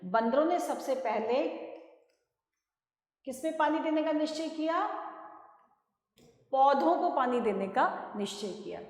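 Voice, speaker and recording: Woman teacher, slow careful pronunciation drills, echoey room. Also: high voice, expressive. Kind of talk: classroom lesson explanation. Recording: echoey room with long reverb.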